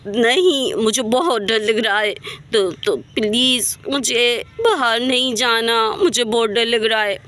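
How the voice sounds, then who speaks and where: A woman's voice: fairly high pitch, takes it slowly, fairly bright tone. A woman voicing a timid young wife who pleads fearfully. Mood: frightened.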